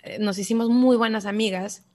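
A woman with a Mexican accent telling a personal story in an interview, animated and acting out voices. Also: fairly high pitch, brisk. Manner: animated, acts out quoted voices. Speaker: guest.

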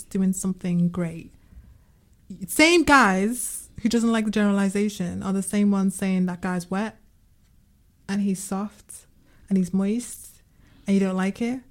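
A woman co-hosts a casual podcast. Her voice sits at a middling pitch, and she talks in a slangy, ranting, conversational way. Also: fairly even intonation, measured pace. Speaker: podcast co-host.

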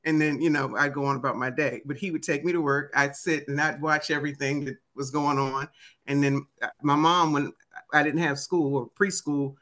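A woman in her fifties speaks with a Washington DC accent. Her voice sits a little low but has a bright, forceful edge. She tells personal stories in a conversational way, acting out dialogue as she goes. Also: steady tone, moderate pace. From United States, Washington DC area. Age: 50s. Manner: acts out remembered dialogue. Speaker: interview guest, author and motivational speaker. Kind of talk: animated conversational storytelling.

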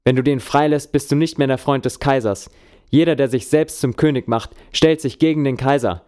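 A man voicing a hostile man in an angry crowd, barking accusations in a raised, loud voice. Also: medium pitch, moderate pace, clear, resonant tone, pitched above the performer's own voice, close to an everyday voice. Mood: shouting hostile.

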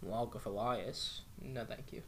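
A man's voice: lowish voice, fairly even intonation, a little slow, fairly bright tone. A man co-hosting a podcast in casual chat, speaking in dry, short remarks. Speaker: podcast co-host.

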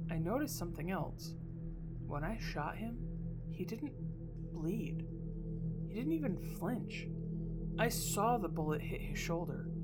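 Female narrator, low pitch, suspenseful first-person horror storytelling, loud music underneath. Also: creaky. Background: prominent music.

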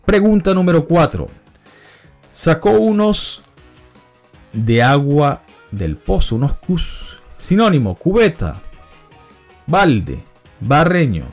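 A man's voice: a little high, very animated, slow, soft background music. A man hosting a vocabulary quiz, patiently explaining and repeating each answer and its definition. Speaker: quiz host and organizer.

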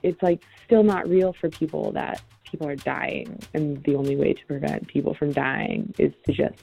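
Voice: mid-range voice, fairly even intonation, normal speed, creaky, breathy edge, highs cut off, faint music behind. A caller leaving a frustrated, blunt voicemail. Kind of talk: casual voicemail.

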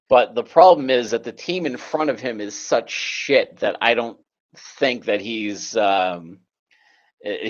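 A man co-hosting a casual sports podcast, halting and hesitant, cursing casually. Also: mid-range voice, highs cut off. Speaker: podcast co-host.

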